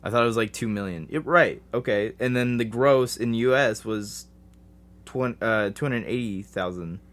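A man's voice: lowish voice, moderate pace, fairly bright tone. A man co-hosting a casual movie podcast, bantering loosely and laughing at his own mistakes. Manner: loose, self-deprecating banter. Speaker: podcast co-host. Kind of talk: casual movie review chat.

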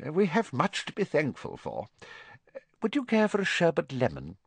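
A man voicing a calm, courteous old male wizard in a storybook reading, unhurried and genial. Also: fairly high pitch, vocal fry, slightly rough, dry recording, pitched above the performer's own voice, heavily acted. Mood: gentle.

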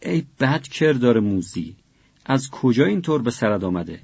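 A man reading a story voices a grieving, stern middle-aged father in a husky, gravelly voice, in a dull, muffled recording. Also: mid-range voice, very animated, darkish tone, dry recording, heavily acted. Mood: scolding. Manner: pleading, anguished repeated commands.

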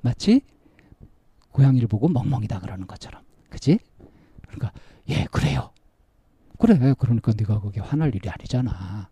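A man with a dark, mellow voice and a touch of huskiness tells the story of a counseling case. He talks gently and coaxingly, full of small fillers, and plays out his questions and a child's answers. The sound is dry and close. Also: mid-range voice, very animated, a little fast, breathy edge, dry recording. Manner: recounts dialogue, acting out the child's replies.

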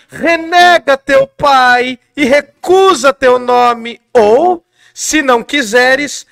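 A man voicing Juliet as a lovesick young woman, reciting in a slow, drawn-out theatrical way. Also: very high-pitched, gravelly, fairly bright tone, no room sound, studio quality, voice pushed up, exaggerated voice.

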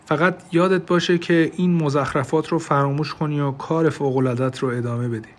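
A man voicing a kindly, encouraging older male lawyer in an audiobook, speaking in a brisk, reassuring way. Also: on the high side, steady tone, natural voice.

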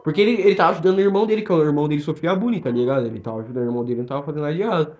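A young man with a Brazilian accent, telling stories in fast, slangy casual podcast chat full of fillers. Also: a little high, a little mellow, soft background music. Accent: Brazilian Portuguese. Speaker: podcast co-host. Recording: roomy, dull lo-fi sound.

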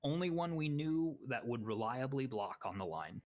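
A young man co-hosts a laid-back sports chat, speaking with great animation at a moderate pace in a mid-range, slightly mellow voice. He rambles, voices firm opinions, and often jokes at his own expense.

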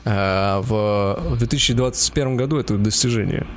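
A man's voice: brisk, a loud crowd. A man in his thirties co-hosting a casual comedic chat, ironic and jokey. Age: 30s. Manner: ironic, jokey, big pitch swings when joking. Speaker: podcast co-host.

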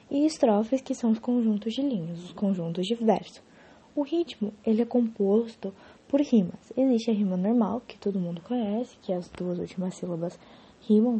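A woman casually explaining poetry in a spoken lesson, correcting herself and slowing down to stress example words. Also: mid-range voice, mellow, slightly rough.

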